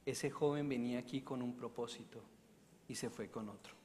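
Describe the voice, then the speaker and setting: A man giving a storytelling talk at a parish Lenten mission. He is animated and swings from loud to hushed. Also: mid-range voice, moderate pace. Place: church. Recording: long church reverb, faint noise.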